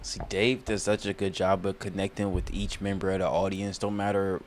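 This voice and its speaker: A man's voice: low-pitched, flat delivery, normal speed, very noisy. A man streaming a reaction video, chatting casually in a laid-back, slangy way.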